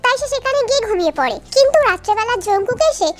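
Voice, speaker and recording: A woman's voice: extremely high pitch, animated, fast. A woman narrating a fan love story, reading the story plainly.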